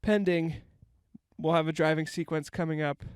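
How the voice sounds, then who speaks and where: A man's voice: on the high side, fairly even intonation, normal speed, a little mellow, clean tone, dry recording. A young man with a stuffy, congested voice hosts a rambling, self-mocking comedy podcast from inside a parked van on a handheld mic. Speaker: podcast host. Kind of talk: casual comedic monologue. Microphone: handheld microphone.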